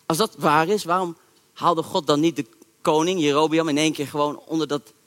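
A male preacher with a high-pitched voice tells a scripture story from the pulpit. He talks in a lively, everyday way and slips into the voices of the people he quotes. His voice rings out with a long echo, as in a large church hall. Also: fairly quick. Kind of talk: sermon retelling a Bible story. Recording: echoey hall reverb.

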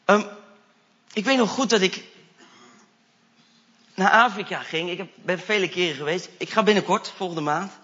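Eager, high-voiced man preaching a testimony. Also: moderate pace, pauses often, lo-fi sound. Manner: enthusiastic, animated, mixes in English phrases. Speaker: evangelist preacher. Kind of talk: sermon testimony storytelling.

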